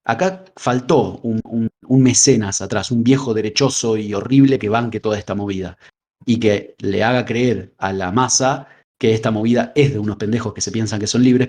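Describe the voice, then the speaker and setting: A man with a low, husky voice and a Rioplatense Spanish accent talks through a film in a loose podcast chat. He rambles, stacking up filler words as he thinks aloud. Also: darkish tone. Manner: rambling, frequent "este" fillers. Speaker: podcast co-host. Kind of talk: casual film discussion.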